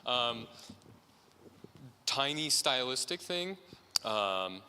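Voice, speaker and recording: A man's voice: mid-range voice, very animated, very slow, sharp tone, a little hiss or hum. A man coaching a singer in an opera master class, encouraging and checking in often. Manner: breaks into sung and spoken musical phrases to demonstrate. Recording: long hall reverb, faint ambience.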